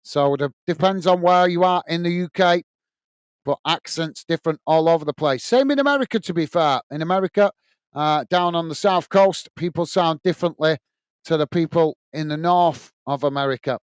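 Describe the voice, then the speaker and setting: With a strong Lancashire accent, this man hosts a live football watch-along, calling the play and reading viewer comments aloud in a chatty way, dropping plenty of "uh"s. His voice is a little high at normal speed, and the sound is clean with no room sound.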